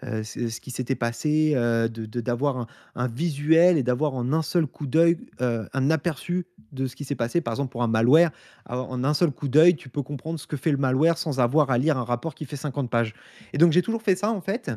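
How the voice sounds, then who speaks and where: Male podcast guest: explanatory, conversational, mid-pitched, dry close sound. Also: a little fast, no echo. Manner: explanatory, steady with frequent fillers. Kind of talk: casual podcast interview.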